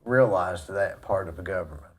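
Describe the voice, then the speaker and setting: A man, interviewing casually in a halting, plain-spoken way. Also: low-pitched. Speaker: interviewer, host.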